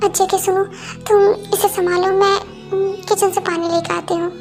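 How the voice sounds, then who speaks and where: A woman's voice: very high-pitched, little pitch movement, moderate pace. A woman voicing a loyal young woman friend who firmly scolds and reassures, over faint music. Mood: reassuring.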